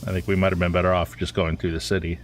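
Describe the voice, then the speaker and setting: A man with a very low voice talks through his game in a loose, rambling way as a streamer. He sounds stuffy and congested from a cold. Faint music plays behind him. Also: rapid-fire. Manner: casual, rambling, relaxed. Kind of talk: live gameplay commentary.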